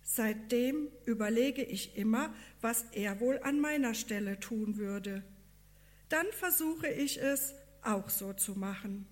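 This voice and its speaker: A woman voicing a gentle, devout male villager who speaks tenderly and with breathless wonder. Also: on the high side.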